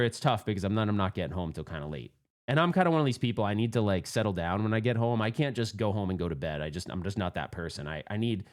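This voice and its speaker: A man hosting his own channel, telling a rambling, self-mocking story in a casual, candid way. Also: mid-range voice. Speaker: pinball channel host.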